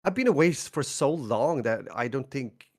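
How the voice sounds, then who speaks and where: A middle-aged man with a Swedish accent, a podcast co-host talking casually, haltingly, with many restarts and soft laughs. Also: medium pitch, animated. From northern Sweden. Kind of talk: casual chat.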